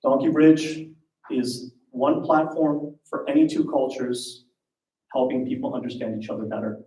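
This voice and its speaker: A man who works as an intercultural communication strategist, pitching his platform in an earnest, measured way. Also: mellow. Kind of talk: startup pitch talk. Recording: echoey hall from far off.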